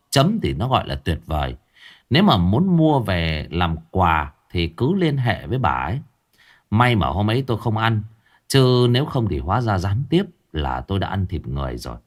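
A man tells a horror story in a low voice that swings widely in pitch. His delivery is dramatic and theatrical, with shifting inflection. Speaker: narrator.

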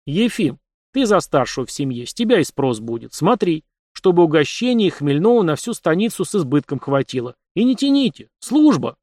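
A confident young nobleman who gives orders calmly and with a dry wit, as a male reader voices him. His voice is a touch high and very lively. It is close and dry. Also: a little fast, no echo. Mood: brisk. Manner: assured, matter-of-fact and commanding. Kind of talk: audiobook character voice.

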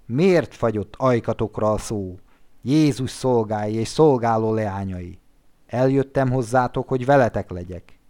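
A man's voice: medium pitch, a little mellow, lightly acted. A solemn, commanding knight in golden armor proclaims in a ringing voice, as a male narrator plays him. Stern and weighty, each phrase lands like a pronouncement in an audiobook tale.

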